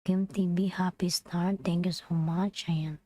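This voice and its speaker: A woman's voice: lowish voice, steady tone, a little slow, mellow, dry recording. Sleepy Filipina woman on livestream. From Philippines. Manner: tired, drowsy, sign-off chatter. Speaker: livestream vlogger. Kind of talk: casual livestream chat. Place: UAE.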